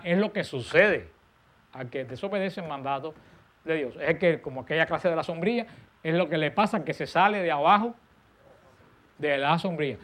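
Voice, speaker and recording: A man preaches, stressing the words that matter most and allowing his phrases to trail off quietly and low.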